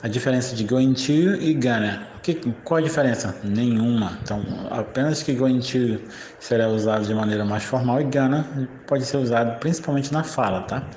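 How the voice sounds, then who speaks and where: A man's voice: mid-range voice, normal speed, a little mellow, a little hiss or hum. A man teaching a recorded grammar lesson, explaining step by step with frequent checking tags. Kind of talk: recorded English grammar lecture. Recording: echoey room with faint ambience.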